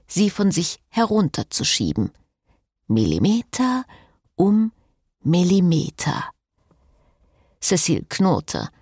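Woman audiobook narrator, low husky voice, very lively pitch, slow. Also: dry recording, studio quality. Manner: slow, expressive reading. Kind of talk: scripted narration.

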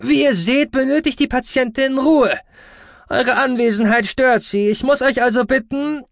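Shrill, domineering alien medic, read by a man, barking orders, dry studio sound. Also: moderate pace, no room sound. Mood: imperious. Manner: loud, scolding, clipped. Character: shrill agitated male alien doctor, imperious.

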